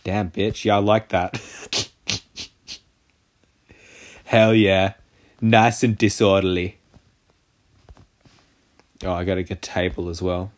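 A man's voice: low-pitched, flat delivery, takes it slowly, pauses often. A man doing casual gameplay commentary, sarcastic and crude, mocking the game. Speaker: gaming channel host. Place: voice-over of a mobile game.

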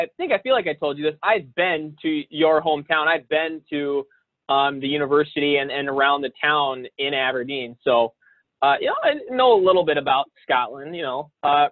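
A man's voice: a little high, brisk, no room sound. Jokey male host on a tinny line. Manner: jokey, laughing, rambling. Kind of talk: casual chat. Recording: dry, tinny phone-like sound.

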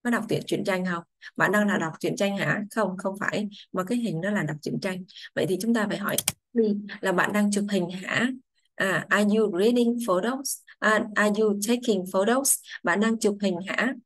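A woman English teacher, patiently explaining grammar to children, saying English phrases slowly before translating them. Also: medium pitch, dry recording.

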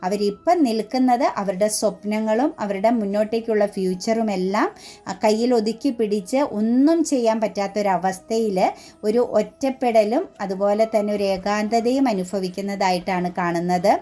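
A woman's voice: medium pitch, normal speed, mellow. A woman giving an earnest tarot reading straight to the viewer, talking with frequent fillers and restarts. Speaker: tarot reader.

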